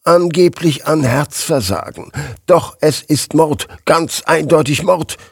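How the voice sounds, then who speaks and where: A man voicing an excitable, easily agitated male newspaper editor in an audiobook, his voice rising high when eager. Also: measured pace, breathy edge, dry recording, clean studio sound, heavily acted. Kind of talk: audiobook character voice.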